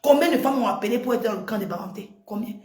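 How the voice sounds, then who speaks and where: A woman's voice: fairly high pitch, fast, a little mellow. A woman on a livestream, heated and confrontational, addressing someone directly and repeating her points. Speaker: live streamer. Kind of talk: livestream rant. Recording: echoey room.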